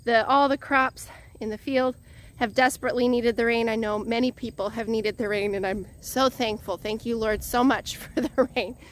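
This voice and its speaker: A woman's voice: fairly high pitch, steady tone, moderate pace, a little hiss or hum. A woman from Northwest Illinois giving a casual, cheerful tour of her vegetable garden outdoors, a little out of breath and talking while walking. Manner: cheerful, thankful, chatty with many restarts. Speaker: home gardener vlogger.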